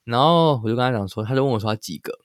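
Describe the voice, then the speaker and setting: A man's voice: medium pitch, expressive, racing, clear, resonant tone, no echo, clean studio sound. A young man with a Taiwanese Mandarin accent, telling a rambling solo story as a podcast host and laughing at himself. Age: young adult.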